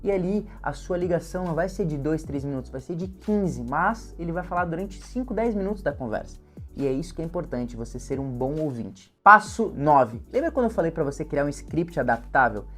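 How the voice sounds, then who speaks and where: Um homem com sotaque brasileiro, treinador de vendas, ensinando passo a passo e encenando exemplos de ligações. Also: male voice, fairly high pitch, animated, fairly quick, fairly bright tone, soft background music. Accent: Brazilian Portuguese. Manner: step-by-step, earnest, acts out sample phone calls. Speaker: sales trainer. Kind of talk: instructional talk.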